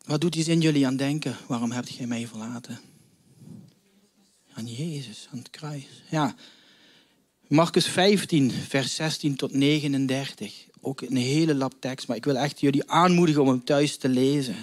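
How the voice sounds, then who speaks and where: A man preaching a sermon to a congregation, dramatic, swinging between loud outbursts and hushed near-whispers. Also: medium pitch, normal speed. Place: church before a congregation.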